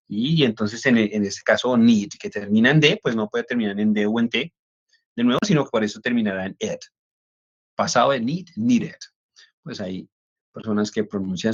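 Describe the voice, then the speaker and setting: A man, an English instructor explaining pronunciation in a class, often checking in with "¿no?". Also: medium pitch. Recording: dull lo-fi audio.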